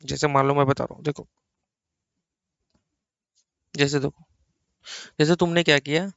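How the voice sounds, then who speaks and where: A man's voice: on the high side, steady tone, a little slow, creaky, fairly bright tone, dry recording, dull audio. A man teaching an accounting class, coaxing answers with repeated questions and acting out little dialogues. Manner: playful, acts out little dialogues. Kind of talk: classroom lecture.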